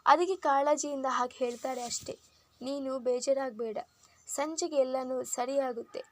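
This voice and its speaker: Woman doing middle-aged mother, soft, caring, gentle, quiet. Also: sits high, fairly even intonation, normal speed, close to an everyday voice. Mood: tender.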